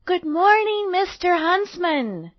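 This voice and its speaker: Woman doing a sweet little storybook girl, real high n sing-songy, stretches words out. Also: big pitch swings, no room sound, muffled recording, heavily acted. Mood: polite, cheerful. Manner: sing-song, drawn-out phrases. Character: sweet, innocent, kindly little girl of fairy tale.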